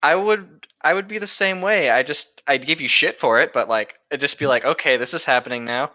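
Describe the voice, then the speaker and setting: A young man co-hosts a casual joking chat, reading a book aloud and adding sarcastic, profane commentary. His voice is a little high, a little fast, and sharp, recorded on a lo-fi home mic.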